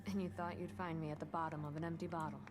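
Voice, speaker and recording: An actress playing a controlled agent of a secret organisation in a video game, measured, stern and guarded. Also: female voice, sits low, little pitch movement, loud music behind the voice, natural voice. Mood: cool, cryptic. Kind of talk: dramatic video game acting.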